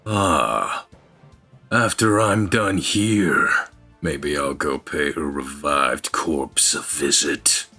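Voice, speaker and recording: A cold, cruel young villain , put on by a man, who growls his threats low and slow. Each taunt drips with contempt. The voice sits far below an everyday speaking pitch, with a bright edge and faint music underneath. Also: breathy edge, exaggerated voice. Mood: menacing.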